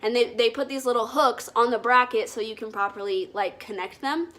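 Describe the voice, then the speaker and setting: A woman with a fairly high, very bright and forceful voice talks casually to her viewers. She explains in an informal, conversational vlogging style, demonstrating as she goes. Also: a little fast.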